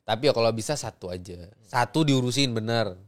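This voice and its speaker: A man's voice: medium pitch, a little fast. A young man, a guest actor in casual chat who laughs, fumbles and repeats himself.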